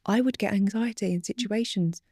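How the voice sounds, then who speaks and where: Mellow-voiced woman coaching earnestly. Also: medium pitch, brisk, breathy edge, no echo, clean studio sound. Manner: earnest and teaching, drops to soft whispery emphasis. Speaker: relationship coach. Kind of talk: interview guest.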